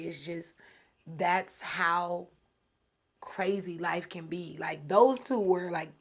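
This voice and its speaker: A woman host telling a personal story in a casual, slangy, animated way, often laughing. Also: lowish voice. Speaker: podcast host.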